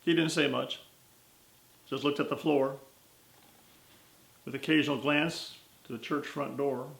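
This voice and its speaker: An American man telling a story in verse as a dramatic, deliberate and strongly emphatic recitation. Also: mid-range voice, steady tone, gravelly, a bit bright, roomy sound, poor audio. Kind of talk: dramatic recitation of a cowboy poem.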